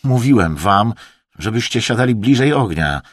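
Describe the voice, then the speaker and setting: A man voicing a curt, gruff male expedition leader who talks in clipped, sharp phrases. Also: lowish voice, lively intonation, normal speed, no echo, studio quality, voice pushed up.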